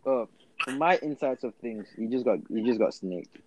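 A man's voice: medium pitch, lively intonation, normal speed, heavy background noise. A young man with a London roadman accent chatting casually in slang, often repeating his phrases. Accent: London, urban roadman slang. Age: young adult. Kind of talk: casual group chat.

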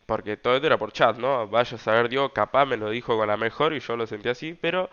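A man's voice: medium pitch, quick pace, a bit bright, clear, resonant tone, muffled recording. A young man with an Argentine Rioplatense accent, hosting a podcast and telling a personal story in a loose, slangy way, full of fillers. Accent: Argentine Rioplatense Spanish. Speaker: podcast host. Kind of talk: casual storytelling monologue.

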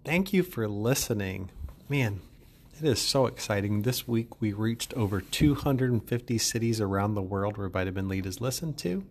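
A man's voice: lowish voice, normal speed. A male podcast host speaking in an upbeat, chatty solo monologue and joking with his listeners.

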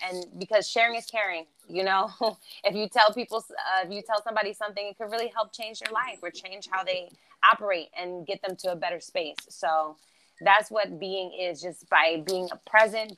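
A woman's voice: mid-range voice, fairly even intonation, moderate pace, pushed and bright. A woman born in Germany with German as her first language, speaking English with an American East Coast accent in an upbeat, chatty, motivational way as an interview guest. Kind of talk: casual interview chat.

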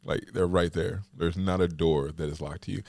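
A man's voice: low voice, fairly even intonation, normal speed, vocal fry, a little mellow, no room sound. A man hosting a podcast, chatting casually and rambling with lots of "like" fillers. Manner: rambling, heavy use of "like" fillers. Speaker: podcast host.

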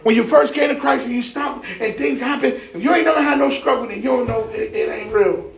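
A man preaching a lively sermon, getting excited, shouting and laughing as he explains scripture. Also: very high-pitched, a little fast, creaky.

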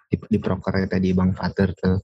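A young man, telling stories in a casual podcast chat with halting restarts. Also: low voice, completely flat delivery, husky, no room sound, dull audio.

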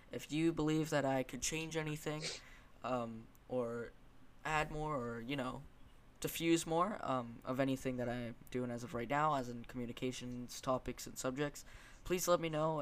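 A man's voice: medium pitch, a bit bright, smooth. A man hosting a casual podcast, talking in long rambling runs with many fillers and asking his guest questions. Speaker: podcast host.

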